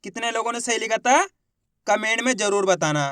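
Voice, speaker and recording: A man teaching Hindi reading in a slow step-by-step lesson, patiently repeating each word and sounding out syllables. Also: high-pitched, expressive, a bit bright, dry recording, studio quality.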